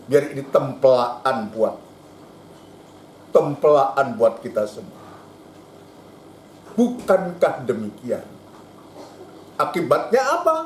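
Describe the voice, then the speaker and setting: A man preaching a sermon, emphatic, repeating his phrases and climbing high when he quotes. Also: sing-song, slow, long pauses, a little mellow, roomy sound, a little hiss or hum. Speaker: pastor. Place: church hall.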